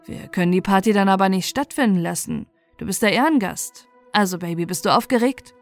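A woman's voice: medium pitch, fairly quick, soft background music, lightly acted. A woman reading out the chat lines of a crude, threatening teenage boy, in a blunt, bullying way. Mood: leering.

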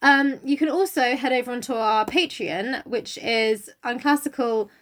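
A woman's voice: on the high side, normal speed. A young woman co-hosting a podcast in sweary, joking casual chat. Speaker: podcast co-host.

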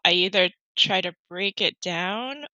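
Bright-voiced teacher from New York. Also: female voice, on the low side, a little slow, no echo, lo-fi sound. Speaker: teacher, guest. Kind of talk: casual podcast chat.

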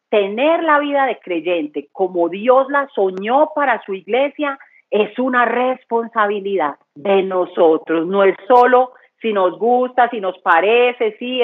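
A woman giving an earnest, conversational church testimony, repeating phrases for emphasis. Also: mid-range voice. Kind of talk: testimony talk. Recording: tinny phone-line sound.

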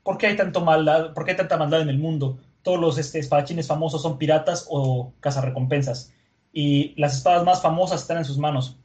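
A man's voice: on the high side, steady tone, brisk, darkish tone, lightly acted. Man doing a clumsy, eager young swordswoman. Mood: earnest.

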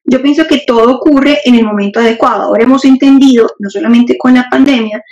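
A woman guest explaining legal matters in an interview, measured and clear, using examples and asking rhetorical questions. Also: on the high side, a little mellow. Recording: dull muffled audio.

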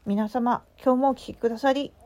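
A woman podcast host with a Tsugaru dialect, telling a story in a casual, animated way with many asides. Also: fairly high pitch, brisk. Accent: Tsugaru dialect of Japanese. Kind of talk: casual solo audio chat.

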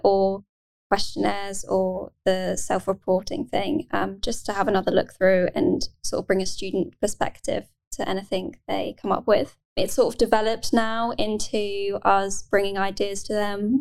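A young woman student talks as a podcast guest, relaxed and casual, hedging often. Her voice stays flat and even, with a noticeable gravelly fry. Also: mid-range voice. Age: young adult. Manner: hedging, lots of "sort of" and "um".

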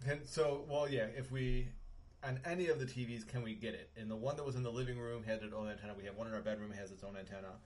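A man's voice: medium pitch, level tone, quick pace, a little mellow. Middle-aged male co-host, meandering casual storyteller, home room with faint noise. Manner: rambling storyteller, lots of fillers. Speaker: podcast co-host. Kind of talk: casual chat. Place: home bedroom.

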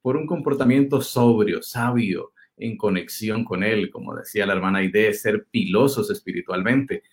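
Male host, low voice, affirming wrap-up talk. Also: normal speed, few pauses. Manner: warmly affirming, thanks the preacher. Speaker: program host.

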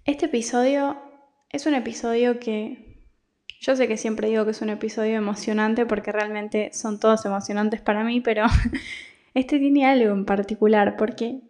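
The host of this podcast is a young Argentine woman whose voice is a little high with a darkish tone. She speaks with an Argentine Spanish accent, rambling and confiding in a personal monologue with many restarts.

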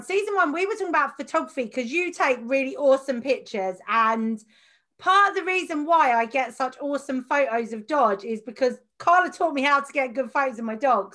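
Bright, high-voiced chatty woman podcast host. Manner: chatty, laughs often, many fillers. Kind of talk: casual podcast chat.

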